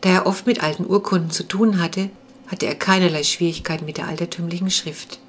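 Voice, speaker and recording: Woman narrating a children's audiobook, calm measured reading, low voice, faint background noise. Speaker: author reading her own book.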